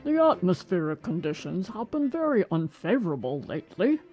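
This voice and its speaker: A man voicing a pompous, long-winded old male owl who talks slowly and grandly. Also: high voice, big pitch swings, dull audio, voice pushed up.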